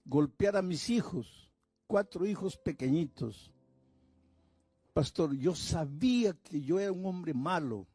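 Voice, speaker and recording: An older man from Peru, a pastor telling a story in a sermon, slow and measured, voicing the people he quotes. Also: a little high, expressive, dark tone, breathy edge, no room sound, faint music behind.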